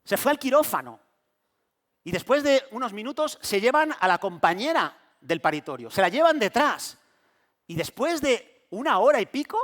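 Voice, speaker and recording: A man's voice: high voice, a bit bright. A middle-aged man preaching a sermon as pastor, telling a personal story and acting out the voices of the people in it. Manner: storytelling preacher who acts out quoted voices.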